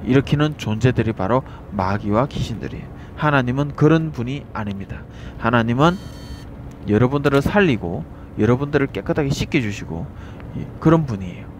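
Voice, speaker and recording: A man's voice: mid-range voice, lively intonation, brisk, a little hiss or hum. A man preaching a street sermon, earnest and repetitive, asking the crowd rhetorical questions.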